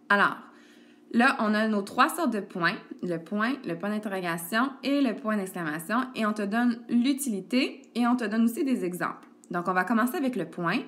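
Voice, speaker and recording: A woman teacher walks a child through a grammar lesson. She is patient and steady, full of little "ok"s and "donc"s. It is recorded on a tablet screencast. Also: medium pitch, normal speed. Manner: patient, addresses the child directly with frequent "ok" and "donc". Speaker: elementary school teacher.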